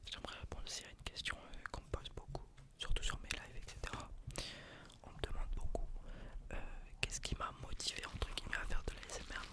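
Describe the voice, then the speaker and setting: Whispering young man, quiet at night. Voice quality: breathy whisper. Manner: quiet, unhurried late-night murmur; informal, hesitant, rambling. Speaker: ASMR video creator and streamer. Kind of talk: ASMR, casual chat.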